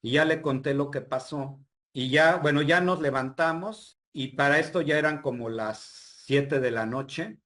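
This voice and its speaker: A man appearing as a guest storyteller casually recounts a personal story, animatedly acting out the quoted dialogue and using many fillers. His voice is on the high side, and he keeps a measured pace with few pauses.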